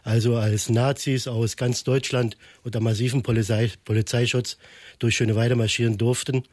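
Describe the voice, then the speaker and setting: A man's voice: medium pitch, flat delivery, moderate pace, a little mellow, no room sound. A man from Berlin, a photographer, answering a radio host's questions in an earnest, thoughtful way as he searches for words. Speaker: photographer, studio guest. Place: radio studio.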